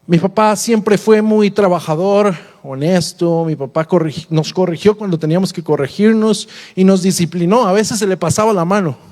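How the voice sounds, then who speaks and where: A man's voice: high-pitched, darkish tone. A middle-aged man preaching a sermon as a pastor, conversational and humorous, with many rhetorical questions. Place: church hall. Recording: long church-hall reverb.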